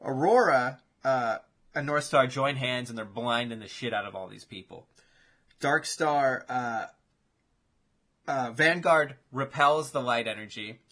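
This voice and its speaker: A man hosting a casual chat, telling imagined fight matchups in an animated, swearing play-by-play. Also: medium pitch, measured pace.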